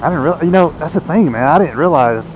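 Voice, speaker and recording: A man's voice: fairly high pitch, lively intonation, fast talker. A man from the United States chats casually and rambles as he rides, recorded inside a motorcycle helmet. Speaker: motovlogger. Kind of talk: casual rambling vlog while riding. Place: outdoors, riding a motorcycle on the road. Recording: noisy helmet mic with vehicle noise. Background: engine and road noise.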